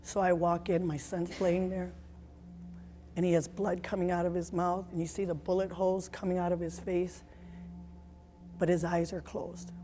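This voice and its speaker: Earnest, emotional woman, 40s, warm and low, telling her own story. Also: level tone, normal speed, faint music behind. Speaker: bereaved mother giving testimony. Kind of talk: personal testimony.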